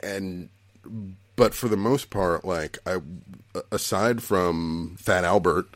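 A man in his forties co-hosts a podcast, chatting casually in a low, slow voice on a dry recording. He laughs often and thinks aloud, restarting his sentences many times.

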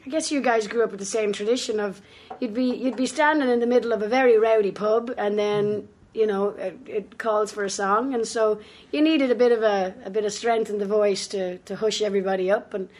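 A woman's voice: mid-range voice, steady tone, fairly quick, darkish tone. An Irish woman with a big, brassy voice, telling anecdotes in a casual, jokey interview chat. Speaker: folk singer, interview guest.

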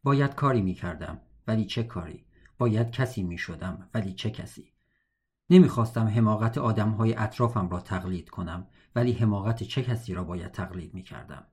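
A man reading a novel aloud in a steady, reflective way, now and then breaking off for wry casual comments. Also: fairly low pitch. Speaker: audiobook reader.

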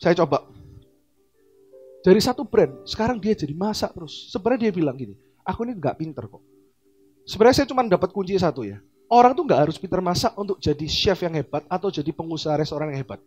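A middle-aged man, a pastor preaching a sermon and acting out quoted dialogue in lively swings of voice. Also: fast, slightly rough, soft background music. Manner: animated, acts out quoted dialogue with big pitch swings.

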